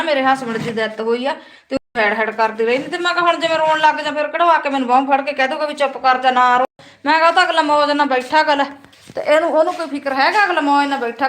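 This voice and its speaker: A high-voiced woman with a Punjabi Malwa accent talks earnestly to her viewers on a live stream. She repeats her advice and keeps checking in with "right?". Her phone picks her up in an echoey room at home. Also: a bit bright, a little hiss or hum. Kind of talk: casual motivational live stream.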